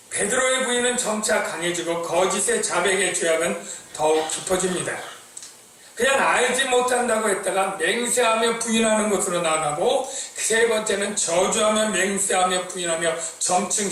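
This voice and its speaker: A man's voice: high voice, fairly bright tone. A man who is a pastor preaching a sermon, explaining scripture step by step and asking his congregation questions. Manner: explains and quotes scripture in old-fashioned phrasing, asks the congregation questions. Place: church sanctuary. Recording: echoey church sanctuary from far off.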